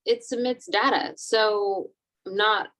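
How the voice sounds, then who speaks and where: A woman on a video call, chatting casually and telling a lively story to her meeting group, full of fillers. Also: medium pitch, slow pace. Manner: chatty, animated, lots of fillers. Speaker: meeting participant.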